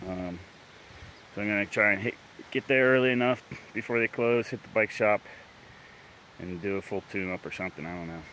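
A man's voice: fairly low pitch, fairly quick, long pauses, fairly bright tone, slight background noise. A man recording a casual bikepacking vlog outdoors at a rural campground, talking candidly in a rambling way with many fillers and restarts. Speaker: bikepacking vlogger. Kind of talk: casual trail vlog to camera.

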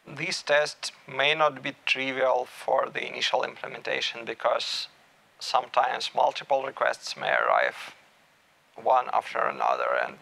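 A man in his thirties giving a technical talk at a meetup, measured and thinking aloud with small restarts. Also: medium pitch, gravelly, pushed and bright, poor audio. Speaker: meetup speaker. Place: small room with stage curtains.

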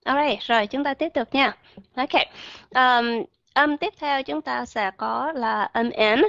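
A woman teaching English pronunciation in an online class, explaining patiently and modeling words slowly. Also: high-pitched, gravelly, fairly bright tone, dry recording, lo-fi sound.

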